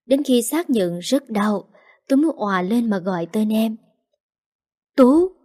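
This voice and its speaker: A woman narrating a first-person story in an emotional, measured reading. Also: mid-range voice, warm tone. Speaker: audiobook narrator.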